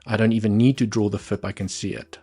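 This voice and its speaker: His voice is fairly low, dark and husky, with a steady tone and a quick pace, and soft music plays behind it. This livestream trading host is a South African man, Afrikaans being his first language. During his live market analysis he thinks aloud over the charts, muttering asides.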